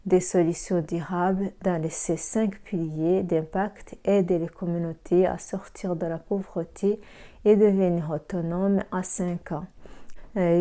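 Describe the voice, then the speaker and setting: A woman's voice: fairly low pitch, fairly even intonation, measured pace, warm tone. A woman from Rwanda giving a prepared presentation, reading steadily with occasional hesitant fillers. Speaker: pharmacy assistant and network marketer.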